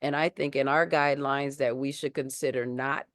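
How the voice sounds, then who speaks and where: A committee member raises a point on a video call, earnest and thinking aloud, pausing and restarting along the way. The voice is mid-pitched and smooth, and the sound is dry and close. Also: steady tone, fairly bright tone, no room sound. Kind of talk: community board meeting discussion.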